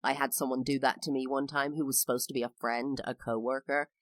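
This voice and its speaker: Her pitch extremely low, a British podcast host in her thirties delivers a personal monologue briskly and flatly, though with careful enunciation and a sing-song lilt. Her English accent has a slight American tinge. The audio is clean studio sound with no echo.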